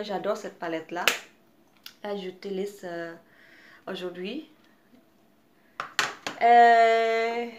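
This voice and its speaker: A young woman, French not her first language, talks slowly through a casual makeup review. She hesitates often, stopping on fillers and restarting her phrases. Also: medium pitch, a little hiss or hum. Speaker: beauty vlogger.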